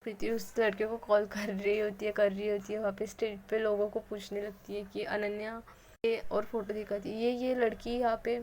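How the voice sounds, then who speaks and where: A woman casually narrating a love story in a chatty, lively way. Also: mid-range voice, fairly quick, a little hiss or hum.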